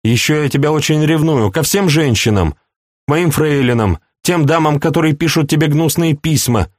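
A man's voice: a little high, normal speed, dry recording, clean studio sound, voice pushed up, lightly acted. A man reading an audiobook, voicing a proud and passionate young princess in a raised, pleading voice. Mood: tender.

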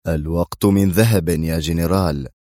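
A man voicing a cold, commanding intelligence chief in an audiobook, deep and low-pitched. He clips out his orders curtly, in a dry, close sound. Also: a little fast, darkish tone, no room sound, close to an everyday voice. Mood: stern, commanding. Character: stern middle-aged male intelligence director.

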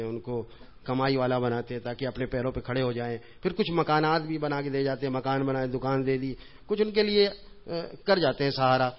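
A man giving an informal religious talk in a mosque, telling humorous anecdotes in a chatty way and chuckling at his own jokes. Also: mid-range voice. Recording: dull lo-fi recording.

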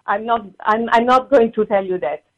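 Caught in a phone argument as a prank call target, a woman keeps repeating her demands, firm and insistent. Her voice is a little high and her pace moderate, heard through a tinny, clipped phone line.

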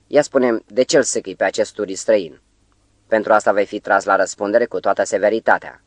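A man's voice: on the low side, steady tone, no room sound, close to an everyday voice. A man reading the lines of a sly, meddling male choir conductor with a mock-official tone. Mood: officious.

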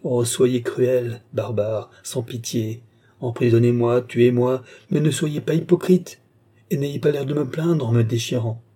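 A man's voice: mid-range voice, steady tone, unhurried, dark tone, husky. A defiant young Roman woman held captive, as a male reader puts her on. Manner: passionate, defiant, pleading.

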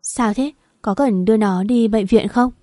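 A woman reading the lines of a calm, steadying young husband in a storybook narration. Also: fairly high pitch, moderate pace, no echo, studio quality, close to an everyday voice.

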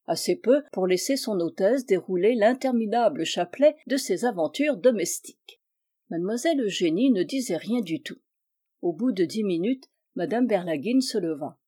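Dark-toned woman reading a novel. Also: mid-range voice, lively intonation, moderate pace, breathy edge. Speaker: audiobook reader. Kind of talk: literary audiobook narration.

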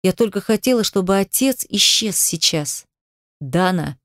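A woman's voice: medium pitch, normal speed, dry recording, studio quality. Woman reading a dramatic audiobook. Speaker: audiobook narrator. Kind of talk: first-person audiobook narration.

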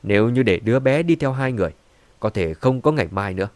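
A man's voice: mid-range voice, lively intonation, quick pace, no room sound, natural voice. A man voicing a proud, hot-tempered old patriarch who gives orders and speaks with indignation, in a dry-sounding audiobook. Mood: indignant. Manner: commanding, indignant.

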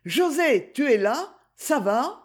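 A man's voice: very high voice, sing-song, slow, voice pushed up, full character voice. A man voicing a caring older woman friend who checks in with insistent, coaxing questions, in a storybook reading. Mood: concerned.

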